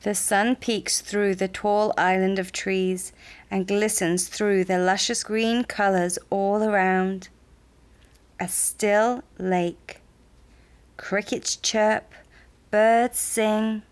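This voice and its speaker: Slow gentle woman storyteller. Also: mid-range voice, level tone, smooth. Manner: soft, gentle, deliberate. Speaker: storyteller and puppeteer. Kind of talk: slow children's story narration.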